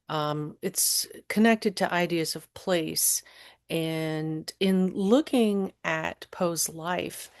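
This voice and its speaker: Slow, hesitant woman interviewer. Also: deep voice. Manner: hesitant, many ums, careful questions. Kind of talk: podcast interview.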